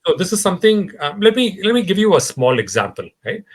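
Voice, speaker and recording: A man with an Indian English accent speaks as a guest in a conversational podcast interview, animated and full of fillers and restarts. His voice is high-pitched and slightly rough, and he talks fast.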